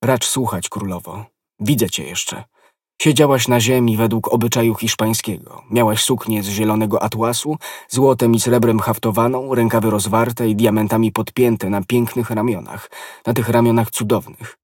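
A man's voice: lowish voice, fairly even intonation, moderate pace, a little mellow, breathy edge, dry recording, studio quality, far from the mic. A man reading an ardent lovesick nobleman. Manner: passionate, impassioned declarations. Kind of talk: audiobook character reading.

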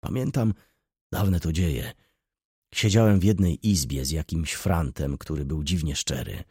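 A man narrating a classic novel as an audiobook in a measured, expressive reading. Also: a bass voice, husky, dry recording, clean studio sound.

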